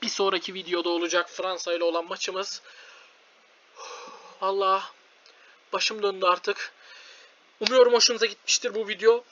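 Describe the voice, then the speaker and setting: A man giving excited, shouty commentary over his own football video game play, repeating players' names and groaning at mistakes, his voice going hoarse. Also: high voice, normal speed, pauses often, muffled recording. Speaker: gaming YouTuber. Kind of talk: live gameplay commentary.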